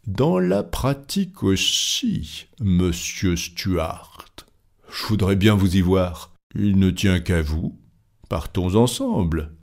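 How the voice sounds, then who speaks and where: A man reading an audiobook and voicing a cool, unflappable English gentleman who speaks tersely and calmly. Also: sits low. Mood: unruffled. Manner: calm, terse, measured.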